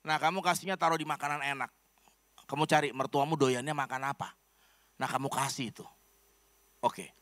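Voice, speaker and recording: A male pastor voicing a calm, sly healer who reassures a distressed woman. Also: mid-range voice, normal speed, pauses often, dry recording, close to an everyday voice. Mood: calm reassuring.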